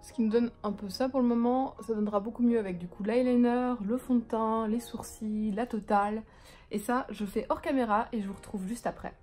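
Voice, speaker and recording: A woman's voice: fairly high pitch, fairly even intonation, brisk, mellow. A woman doing a casual makeup tutorial at home, chatty, rambling and self-mocking, with casual swearing. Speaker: beauty vlogger. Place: living room at home, on a couch.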